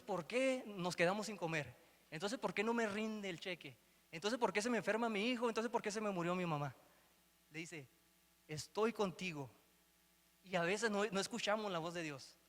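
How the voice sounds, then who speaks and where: Animated high-voiced preacher man. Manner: animated storytelling, acts out Bible dialogue. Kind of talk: sermon. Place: church hall. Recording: long hall reverb.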